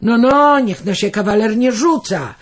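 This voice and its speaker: A man voicing a gruff, rustic village coachman who talks bluntly in country speech. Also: sits high, sing-song, a little slow, full character voice.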